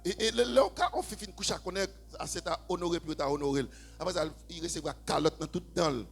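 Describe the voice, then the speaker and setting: A man with a Haitian accent preaching a sermon in church, swinging from low, quiet talk to shouted, half-sung preaching. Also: quick pace, gravelly, slightly rough, soft background music. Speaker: pastor. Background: faint keyboard.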